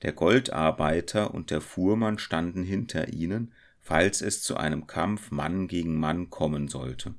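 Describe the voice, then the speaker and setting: Slow gravelly male storyteller. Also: deep voice. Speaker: narrator. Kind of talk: reading a story aloud.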